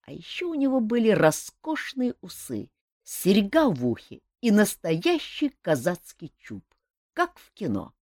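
A woman narrating a fantasy audiobook in a lively, expressive reading. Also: medium pitch, a little slow, no room sound, clean studio sound.

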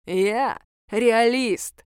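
A woman's voice: fairly high pitch, drawn-out words, darkish tone, smooth, no room sound. A curt, mocking male demon who grumbles at everything, read by a woman narrator, in a dry, close recording with no room sound. his remarks come out short and sardonic. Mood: grumbling. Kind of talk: audiobook character reading.

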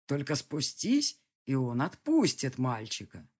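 An audiobook reader voicing a calm, menacing male villain who speaks slowly and coldly. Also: mid-range voice, breathy edge, voice pushed down, exaggerated voice. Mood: calm menace. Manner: slow, measured, cold. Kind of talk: audiobook character voice.

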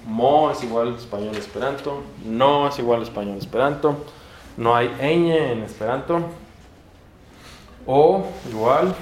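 Slow, patient Mexican teacher in an echoey hall. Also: male voice, mid-range voice. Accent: Mexican Spanish. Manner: slow, spells out sounds one by one and asks the class questions. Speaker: Esperanto teacher. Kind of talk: classroom pronunciation lesson. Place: large university auditorium. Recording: roomy auditorium echo, faint background noise.

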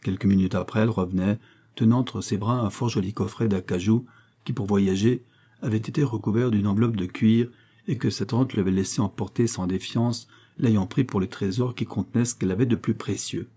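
A man narrating a novel as an audiobook in an even, measured storytelling manner. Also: fairly low pitch, breathy edge.

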